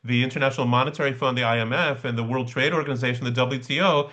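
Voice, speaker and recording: This man runs a seminar-style study session in an online class on a video call, teaching conversationally and tacking on quick questioning tags to check in. He talks fast in a mid-range voice that's fairly bright, and his intonation stays fairly even.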